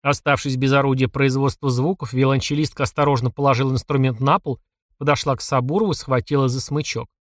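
A man reading a story aloud in expressive scripted narration. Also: medium pitch, fast talker, dry recording, clean studio sound. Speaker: audiobook narrator.

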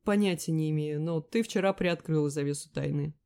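A woman reading an audiobook, voicing a sharp-tongued young woman friend who scolds and mocks loudly. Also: sits low, a little fast, creaky. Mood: mocking. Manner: loud, scolding, sarcastic. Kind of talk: audiobook character voice.

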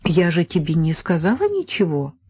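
A woman reading an audiobook, voicing a young woman artist in a raised, lively voice. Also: lowish voice, normal speed, husky, dry recording, muffled recording, full character voice. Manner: raised, lively girlish delivery. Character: young adult woman artist, wistful and playful.

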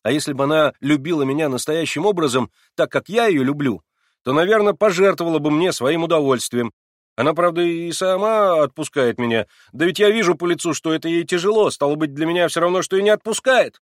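A man reading a novel aloud and voicing an excitable young man who pleads and defends himself in a raised, plaintive voice. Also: a little high, a little fast, no echo, studio quality, voice pushed up, natural voice. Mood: pleading, agitated. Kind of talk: audiobook character reading.

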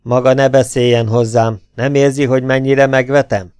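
A man's voice: medium pitch, level tone, darkish tone, clear, resonant tone, no room sound, studio quality, lightly acted. A man doing a scornful, indignant young woman. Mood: agitated. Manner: hissing, contemptuous retorts. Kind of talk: audiobook character voice.

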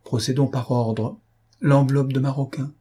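A man reading an audiobook, voicing a smooth, coldly polite and ironic male gang boss in a somewhat higher tone. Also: steady tone, moderate pace, dark tone, natural voice. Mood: businesslike. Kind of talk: audiobook character voice.

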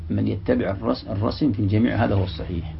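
A man giving a religious lesson, reading a passage from a classical text and then explaining it slowly, repeating the example words. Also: on the low side, gravelly, a little hiss or hum. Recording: dull, lo-fi lecture recording.

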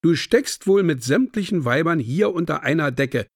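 A man's voice: fairly high pitch, lively intonation, normal speed, dry recording, clean studio sound, pitched above the performer's own voice. A man playing a drunk, coarse young fellow in a radio play, talking in a boisterous, crude, swearing way. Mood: crude, leering.

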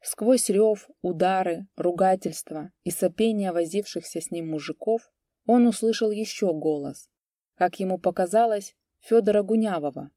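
A woman reading a story aloud as its narrator, in a measured, dramatic storytelling manner. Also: mid-range voice, warm tone, no room sound, studio quality. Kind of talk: scripted audiobook narration.

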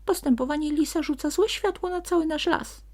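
A woman voicing a small, excitable male forest elf who calls out in shrill, breathless exclamations. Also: brisk, natural voice. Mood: alarmed.

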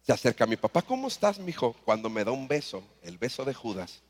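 A man with a Mexican accent telling a comic story on stage as a motivational speaker, animated and acting out the voices. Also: fairly low pitch, brisk. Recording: long reverb in a hall.

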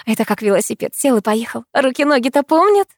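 A woman's voice: high voice, sing-song, fast, no room sound, clean studio sound, voice pushed up, heavily acted. A woman voicing a cheeky, bawdy young woman. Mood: teasing. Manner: teasing, bawdy, insistent.

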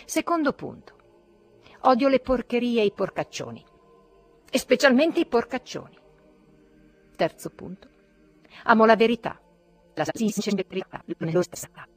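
A woman's voice: mid-range voice, measured pace, pauses often, faint music behind, voice pushed up, close to an everyday voice. A woman reading an audiobook, voicing a bitter, feverish young male outcast who declaims shrilly and defiantly.

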